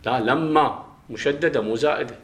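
A man with an Iraqi Arabic accent teaching a grammar class, explaining step by step, questioning his students and slowly chanting verses. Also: mid-range voice, fairly bright tone. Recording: roomy classroom echo.

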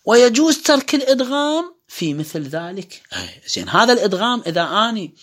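A man's voice: high-pitched, big pitch swings, a little fast, fairly bright tone. A man with an Iraqi Arabic accent teaching recitation rules, explaining step by step and drawing out words to demonstrate them. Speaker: religious teacher. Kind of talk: lecture on Quran recitation rules.

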